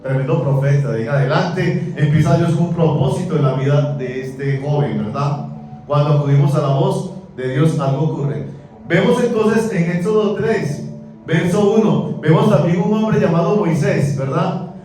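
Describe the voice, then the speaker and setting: Preacher in an echoey church. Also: male voice, fairly high pitch, normal speed, soft background music. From Colombia. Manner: animated, asks the congregation questions. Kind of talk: sermon. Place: church hall. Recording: echoey church, mic far off.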